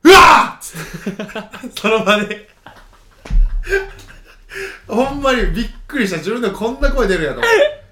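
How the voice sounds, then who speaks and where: Young man, Kansai accent, high and lively, animated storyteller, roomy sound. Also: normal speed, pauses often, a little hiss or hum. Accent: Kansai Japanese. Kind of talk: casual chat.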